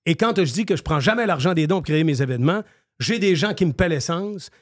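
An older man with a Quebec French accent, a guest telling stories in animated, casual radio chat with many fillers. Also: fairly high pitch, fast talker.

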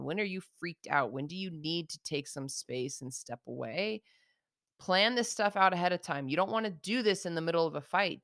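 A woman hosting an advice podcast, teaching communication skills in a direct, casual way with slang, slowing down to model example phrases. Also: deep voice, a bit bright, no echo, clean studio sound.

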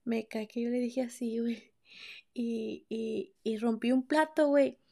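Young mexican woman podcasting, high voice with lots of fry, swears a lot and talks super casual. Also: fairly even intonation, a little slow, mellow. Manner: candid, slangy and profane, acts out quoted lines. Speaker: podcast host. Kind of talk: casual storytelling chat.

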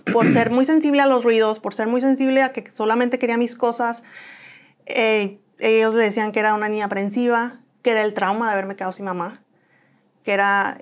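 A woman with a Mexican accent, a guest in an interview, telling her own story earnestly and acting out the voices of people she quotes. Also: fairly high pitch.

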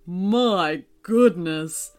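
A woman voicing a gentle, ancient male moon who speaks slowly and kindly, with an air of wonder. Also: on the low side, faint music behind, voice pushed down.

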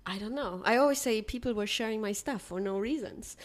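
A woman's voice: a little high, brisk. Woman, English speaker, interview guest, earnest, laughs easily. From Germany. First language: German. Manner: earnest, slightly non-native phrasing, laughs easily. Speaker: travel blogger guest. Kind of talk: casual interview chat.

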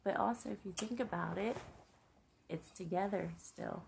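Gravelly-voiced mother, gentle and encouraging. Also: mid-range voice, moderate pace, slight background noise. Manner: earnest, speaks of faith and prayer. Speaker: mother talking with her son. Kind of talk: casual heart-to-heart chat.

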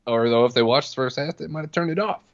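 A man's voice: medium pitch, fast. A man co-hosting a sports podcast, chatting casually in a laid-back, rambling, sweary way. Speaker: podcast co-host. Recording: slightly dull, lo-fi microphone sound.

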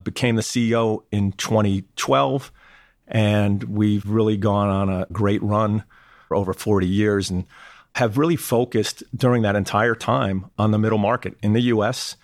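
A man's voice: on the low side, steady tone, moderate pace, dry recording, clean studio sound. A middle-aged or older man giving conversational answers as an executive guest in an interview.

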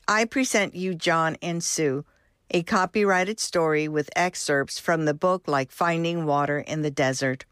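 A woman in her sixties from Cuba, hosting a podcast and reading her own memoir in a gentle, measured way. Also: fairly low pitch, no room sound, studio quality. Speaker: host and storyteller.

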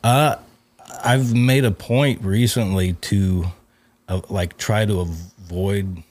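A man's voice: on the low side, steady tone, slow, a little mellow. A man who is a comedian, talking as a podcast guest in casual chat, reflective and searching for his words.

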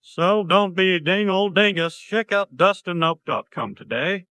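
A man's voice: high voice, unhurried, pushed and bright, no room sound. A man voicing a pushy, folksy cartoon announcer in a brash promotional style.

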